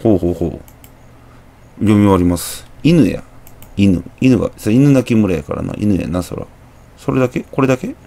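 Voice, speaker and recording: A man's voice: on the low side, expressive, normal speed, dark tone. A young man with a Kansai accent, chatting through a horror game, muttering to himself with jumpy exclamations. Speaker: gameplay commentator. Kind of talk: horror game let's play commentary.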